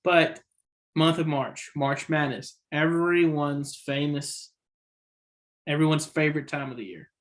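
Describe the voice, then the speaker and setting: Hiccups keep interrupting this sports podcast host, a man whose voice sits on the high side and moves at an unhurried pace. The show is casual, and he rambles, voices strong opinions, and often corrects himself.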